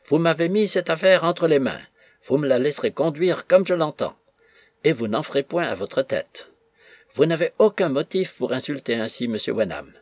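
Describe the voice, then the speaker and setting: Man voicing a gruff blunt captain, commanding, husky, dry recording. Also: medium pitch, dry recording, lightly acted. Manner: firm, commanding.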